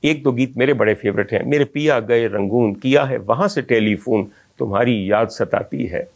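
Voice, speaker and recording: A Pakistani man hosts a storytelling talk on the history of old film songs, addressing his audience directly. As a film music historian, he speaks ornately and reminiscently, in a mid-range voice at a moderate pace.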